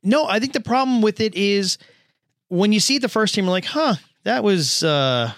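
A man co-hosting a casual movie podcast, talking with quick asides and acting out his own reactions. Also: high voice, no echo, studio quality. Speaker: podcast co-host.

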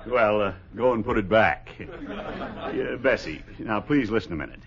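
A man's voice: fairly low pitch, measured pace. An actor playing a pompous, flustered middle-aged man with a blustering, theatrical manner in 1950s radio comedy. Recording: dull, faintly noisy old radio recording.

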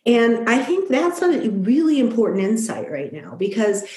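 A middle-aged woman giving a thoughtful, reflective interview answer, talking at an even pace with frequent "you know.". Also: fairly high pitch, normal speed, roomy sound. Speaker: guest. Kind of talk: conversational interview.

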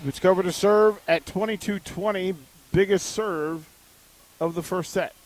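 A man's voice: high-pitched, fairly even intonation. Man calling live volleyball on radio. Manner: brisk, measured calling of each rally. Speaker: radio play-by-play announcer. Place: arena broadcast position high above the court.

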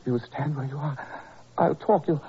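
An actor playing a gravely ill, feverish male detective who stammers and raves, in 1940s radio acting. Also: on the high side, fairly even intonation, moderate pace, mellow, full character voice. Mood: frantic. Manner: stammering, raving, cries out then drops to a murmur. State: feverish and weak. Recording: muffled old radio broadcast, faint hiss.

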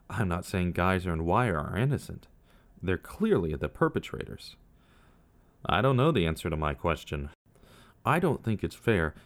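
Reading from a script, a young man narrates his podcast, posing one question after another in a thoughtful, earnest way. His voice is fairly low for a man.

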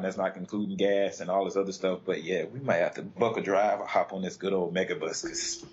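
A man's voice: deep voice, lo-fi sound. An American man hosting a talk show in a casual, conversational way. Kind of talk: casual chat.

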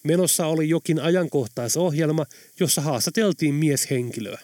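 A man narrating an audiobook in an even, measured reading style. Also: on the high side, no room sound, clean studio sound. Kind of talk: scripted narration.

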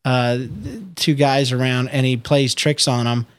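A man's voice: little pitch movement, a little slow, clear, resonant tone, dry recording. A man co-hosting a casual podcast over a Skype call, joking around and breaking into silly voices. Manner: joking, breaks into high-pitched impressions and giggles. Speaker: podcast co-host. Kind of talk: casual chat.

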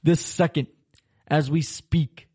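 A young man from Florida who hosts a casual talk show. His voice sits on the high side, and he tells stories in a loose, rambling way, laughing and swearing as he acts out the moments. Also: takes it slowly, slightly rough. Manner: rambling, laughing, swears a lot, animated retelling. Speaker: podcast host. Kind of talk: casual storytelling chat.

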